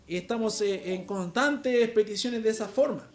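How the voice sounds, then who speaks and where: A young man with a Chilean accent preaching a sermon in an earnest, conversational way, often tagging his points with a quick question to the congregation. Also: sits high. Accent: Chilean Spanish. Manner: earnest, conversational, frequent "¿cierto?" tag questions. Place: church. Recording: echoey church room, faint hiss.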